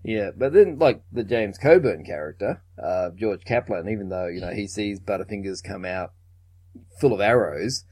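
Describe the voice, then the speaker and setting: A man's voice: on the low side, animated, moderate pace, a little mellow. A man co-hosting a podcast, casually retelling a film's plot with occasional chuckles. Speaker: podcast co-host. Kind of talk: casual film recap chat.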